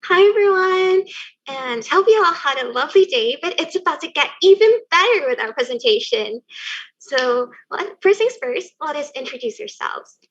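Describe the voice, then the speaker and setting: A young woman from Thailand leading her team's prepared presentation, upbeat and then steady in her explanations. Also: high-pitched, moderate pace, muffled recording. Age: young adult. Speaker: student team leader presenting.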